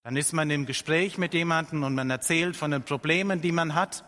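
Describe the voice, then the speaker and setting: A middle-aged man preaching a sermon, his voice sitting a little higher than most men's. He speaks earnestly and slows down to stress his points. His words ring out with a long reverb, as in a large church hall. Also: bright, forceful tone. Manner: earnest, slows down for emphasis, quotes scripture with rising voice.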